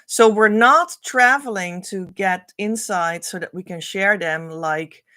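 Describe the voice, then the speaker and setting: A Dutch-born woman working as a spiritual coach teaches spiritual values on a livestream, speaking accented English. Her mid-range voice moves a little slowly in an earnest, repetitive, flowing style, each phrase trailing off gently. No room sound is audible.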